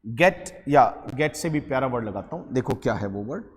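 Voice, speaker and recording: A man teaching an English grammar lesson to a class, lively and quizzing his students with repeated questions. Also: mid-range voice, a little fast, big-room sound, a little hiss or hum. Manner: lively, quizzing students, calls them beta.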